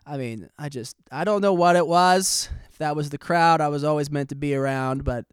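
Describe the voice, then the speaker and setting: A young man in his late twenties hosts a casual podcast, telling a story in a rambling, joking, self-deprecating way. His voice sits a little high for a man and sounds smooth and clean. He is slightly out of breath, and the recording is dry and close. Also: normal speed, no room sound. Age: 20s. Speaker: podcast host.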